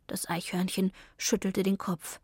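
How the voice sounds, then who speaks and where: A woman calmly narrating a children's story. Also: medium pitch, measured pace, no room sound, clean studio sound. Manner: calm and clearly paced.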